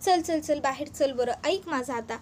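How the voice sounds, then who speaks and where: A woman voicing a calm male police officer who soothes and reassures his wife. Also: sits high, moderate pace, a little hiss or hum, natural voice. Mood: soothing. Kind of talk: retelling TV serial dialogue.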